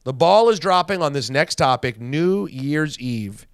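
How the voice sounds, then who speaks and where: A man's voice: on the high side, animated, measured pace, smooth, dry recording, studio quality. Playful, argumentative man co-host. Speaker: podcast co-host. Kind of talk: casual chat.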